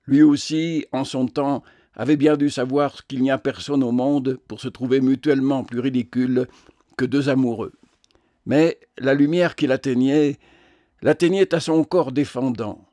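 A man reading a novel aloud in measured, literary narration. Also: mid-range voice, warm tone, no echo, studio quality. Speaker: audiobook narrator. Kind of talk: scripted narration.

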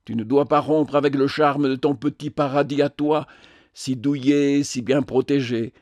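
A man's voice: medium pitch, steady tone, moderate pace, a little mellow, dry recording, lightly acted. A man voicing a theatrical, self-pitying man, with declamatory, sarcastic delivery.

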